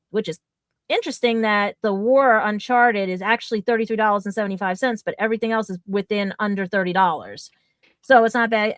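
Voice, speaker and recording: A woman with a fairly high voice chats on a casual podcast over a video call. She rambles and laughs easily, tripping over names. The sound is dry and close. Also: clean tone, no echo. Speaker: podcast co-host.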